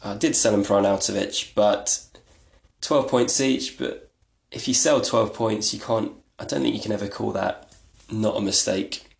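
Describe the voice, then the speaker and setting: Male podcast host, low gravelly voice, flat delivery, rambling and self-deprecating, echoey room. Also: normal speed. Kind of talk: casual solo podcast talk.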